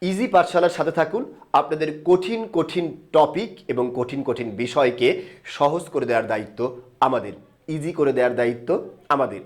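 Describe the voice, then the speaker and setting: High-voiced man teaching a grammar lesson. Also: lively intonation. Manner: asks questions and answers them himself; repeats sounds slowly for the viewer. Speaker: Bengali grammar instructor.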